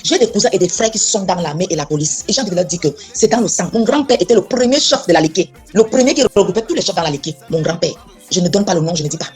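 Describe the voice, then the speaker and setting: A woman's voice: on the low side, expressive, fast talker, a little mellow, soft background music. A woman in a casual chat, blunt and insistent, often repeating herself. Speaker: co-host.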